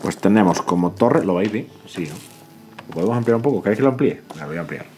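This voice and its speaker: Excitable low-voiced man unboxing a game. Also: fast talker, background noise. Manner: excitable, pleading and self-talking. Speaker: board game channel host. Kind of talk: casual unboxing commentary. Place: indoors at a table, off camera.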